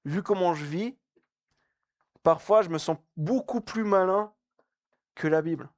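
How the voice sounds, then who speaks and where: A man's voice: high voice, a little slow, no echo, studio quality. A young man giving a casual, joking sermon at a youth camp. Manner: joking, chatty, laughs often. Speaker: camp speaker.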